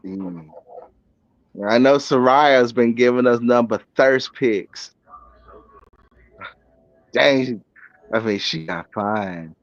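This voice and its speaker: A man's voice: mid-range voice, slow, pauses often, no room sound, highs cut off. A man in casual sports chat, talking emphatically and repeating himself for effect, on a remote call mic.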